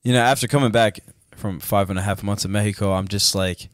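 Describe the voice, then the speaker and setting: A man's voice: lowish voice, fairly even intonation, fairly quick, no echo, studio quality. A man appearing as a podcast guest, talking casually in slangy English that is peppered with Spanish words.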